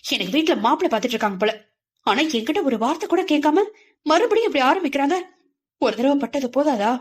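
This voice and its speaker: A woman's voice: high-pitched, very animated, fast, pitched above the performer's own voice. A woman voicing a young female student who speaks in a hurt, defiant and emotional way. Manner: emotional, pleading.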